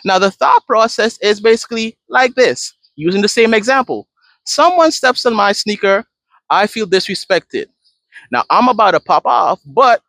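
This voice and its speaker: A man from Guyana who is training as a therapist speaks directly to camera, explaining a coping tool step by step in a conversational way. His voice is high-pitched and fairly bright, with no echo.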